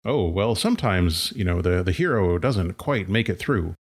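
A man's voice: sits low, lively intonation, normal speed. A man voicing a cheerful computer tutorial system that announces a failed attempt in a breezy, encouraging way.

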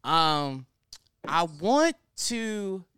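A young man hosting a podcast, excited and loose, chatting casually with plenty of fillers and profanity. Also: on the high side, extremely slow, clear, resonant tone, dry recording, studio quality. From Baltimore County, Maryland. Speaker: podcast host.

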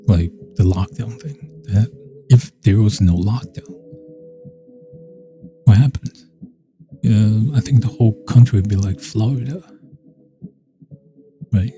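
A man hosting a casual solo podcast, rambling and meandering with many fillers and restarts. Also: on the low side. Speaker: podcast host.

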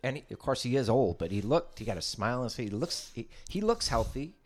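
A man's voice: mid-range voice, very animated, fast. A man talking casually as a returning guest on a podcast. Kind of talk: casual chat.

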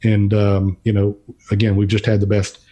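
A man giving unscripted podcast commentary, thinking aloud in a halting way with repeated words. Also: lowish voice, monotone, mellow. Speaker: podcast's featured financial commentator.

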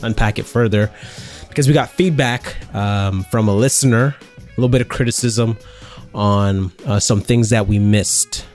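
Low-voiced man co-hosting a podcast. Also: a little mellow, faint music behind. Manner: halting, many fillers and restarts. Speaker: podcast co-host. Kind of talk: casual podcast chat.

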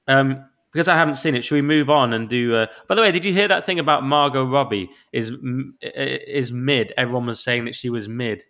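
A man co-hosting a podcast, chatting in a quick, mocking, sarcastic way. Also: medium pitch, fairly bright tone. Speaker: podcast co-host. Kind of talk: casual political chat.

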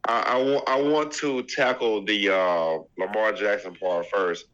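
A man with a congested voice co-hosting a casual sports debate podcast, measured and pausing to find his words. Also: fairly low pitch, fairly bright tone, dull audio. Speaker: podcast co-host.

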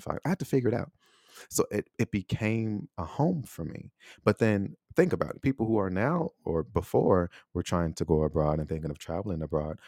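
A low-pitched American man speaking alone into his podcast mic. He muses aloud in a loose, reflective way, tossing in "right?" to keep listeners with him. The sound is dry and close, with almost no room around it. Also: creaky, a little mellow, dry recording. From United States. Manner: reflective, conversational, frequent rhetorical "right?". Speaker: podcast host. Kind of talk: solo podcast monologue.

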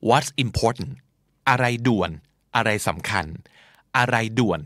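A man speaking as a podcast host, emphatic and lively, reading English phrases slowly and carefully for his listeners. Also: mid-range voice, dry recording, clean studio sound. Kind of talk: solo podcast talk teaching English words.

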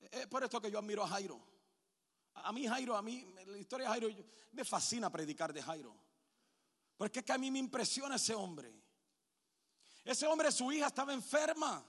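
A woman preacher delivering an impassioned sermon, repeating words and swinging between shouts and hushed tones. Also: mid-range voice, expressive, fairly quick, slightly rough. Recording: long reverb of a hall.

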